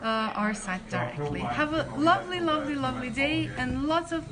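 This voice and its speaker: A woman's voice: sits high, animated, brisk. A young woman from Croatia, a residence staff member hosting a friendly, chatty live-stream Q&A. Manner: friendly, chatty, many restarts. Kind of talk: live-stream Q&A, reading chat questions. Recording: crowd chatter behind.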